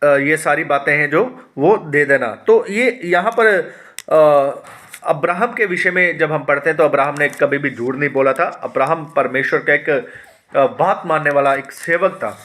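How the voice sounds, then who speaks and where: A man's voice: fairly high pitch, normal speed, a bit bright. A pastor teaching a Bible study who reads verses aloud, then asks questions and answers them himself, often calling his listeners his dear ones.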